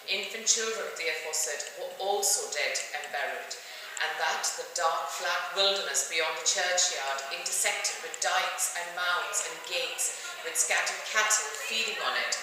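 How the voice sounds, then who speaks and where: A woman reading a classic novel aloud with measured, drawn-out phrasing. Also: lowish voice, background noise. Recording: echoey hall.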